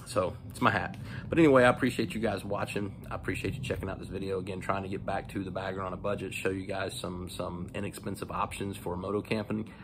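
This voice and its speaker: A man's voice: deep voice, fast talker, noisy background. A man in his forties casually demoing gear in his home garage, rambling with lots of ums, filmed on a phone held at arm's length. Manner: relaxed, rambling, many ums. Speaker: motorcycle vlogger. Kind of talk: casual product demo. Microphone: phone camera at arm's length.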